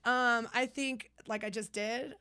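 A woman chatting casually as a podcast guest, with vocal fry creaking at the ends of her sentences. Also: on the high side, fairly even intonation, sharp tone. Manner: fast talker. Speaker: podcast guest, amateur comedian. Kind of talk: casual chat.

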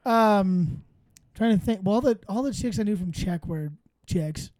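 Podcast co-host, male, high-pitched, rambling jokey delivery, dry sound. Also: unhurried, darkish tone, no room sound. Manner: joking, profane, rambling. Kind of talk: casual podcast banter.

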